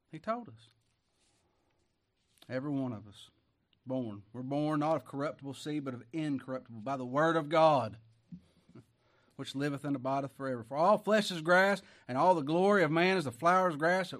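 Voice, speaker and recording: A man preaching a sermon, fervent and folksy, swinging between loud declarations and quiet asides. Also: medium pitch. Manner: colloquial rural speech, ain't and them.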